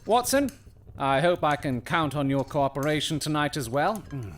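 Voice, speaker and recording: An actor as an animated, commanding Sherlock Holmes. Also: male voice, fairly high pitch, natural voice. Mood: intent, commanding. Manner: theatrical, deliberate, formal diction. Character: Sherlock Holmes, shrewd, commanding Victorian gentleman detective. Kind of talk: period audio drama acting.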